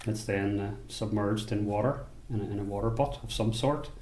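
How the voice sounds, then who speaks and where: A man from Belfast with a Northern Irish accent, a basket maker talking about his craft in an unhurried, thoughtful way, often restarting his sentences. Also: fairly low pitch, darkish tone, reverberant, slight background noise. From Belfast, Northern Ireland. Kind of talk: interview monologue. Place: rural workshop or home.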